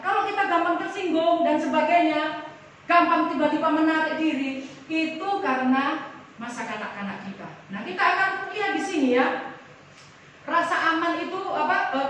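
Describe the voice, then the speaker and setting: Animated woman, church teacher; distant mic, booming hall reverb, faint room hum. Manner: animated, acts out little dialogues in other voices. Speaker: church speaker teaching a congregation. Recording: very echoey hall from far off.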